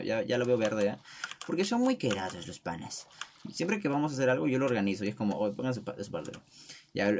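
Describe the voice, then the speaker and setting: A man's voice: medium pitch, a little mellow, slight background noise. A young man hosting his own podcast, rambling casually about his routine, with lots of restarts, swearing and self-deprecating jokes, speaking from the throat. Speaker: podcast host.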